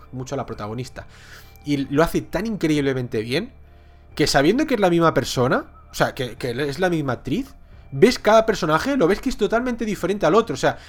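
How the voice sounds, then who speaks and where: Enthusiastic Spaniard, higher male voice. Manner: enthusiastic, repeats words for emphasis, many restarts. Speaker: podcast co-host. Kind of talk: casual chat reviewing series.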